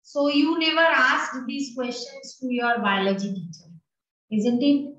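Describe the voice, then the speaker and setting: High-voiced Indian woman teaching, echoey room. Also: animated, unhurried, fairly bright tone. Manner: questioning, prompting, switches between English and Hindi. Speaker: biology teacher. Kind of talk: online class lesson with questions to students. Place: indoor room with bookshelves. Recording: echoey, dull video-call audio.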